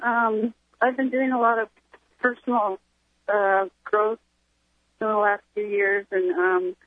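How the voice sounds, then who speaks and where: A woman's voice: on the high side, no echo. Hesitant woman caller on a phone line. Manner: hesitant, with many fillers. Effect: heard over a phone line. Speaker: radio show caller. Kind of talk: calling in to ask a question.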